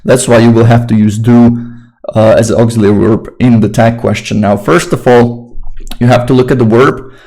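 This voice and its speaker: The audio is poor as a young man with a Slovak accent teaches English grammar online at a moderate pace. He's an informal, chatty, relaxed teacher who keeps repeating phrases, his voice at a mid pitch with occasional keyboard clacking behind him.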